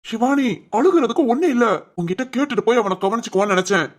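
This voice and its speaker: A woman with a fairly high voice and lively intonation plays a hot-tempered young man in an amateur family drama. The character protects his fiancée and speaks angrily and commandingly, quick to make threats.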